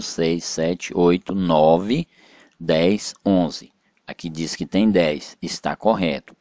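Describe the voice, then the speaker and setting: Using slides in a video lesson, a Brazilian man, speaking with a Brazilian Portuguese accent, teaches poetic meter, counting syllables out loud and patiently explaining each step. His low voice is recorded with no room sound.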